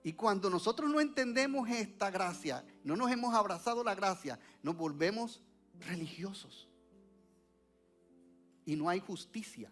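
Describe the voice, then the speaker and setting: A man's voice: high voice, animated, a little slow, soft background music. A male pastor preaching a sermon to a church congregation, asking them questions and waiting for their answers.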